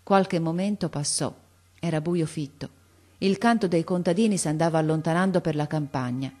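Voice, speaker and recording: A woman narrating a classic tale in a measured, dramatic way. Her voice sits on the low side for a woman, steady and unhurried. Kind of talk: scripted narration of a classic story.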